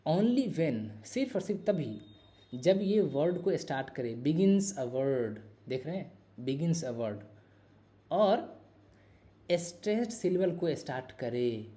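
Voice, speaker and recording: A man teaching an exam-prep literature class, explaining in Hindi with English terms, repeating key phrases and sounding out words slowly. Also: on the high side, sing-song, dark tone.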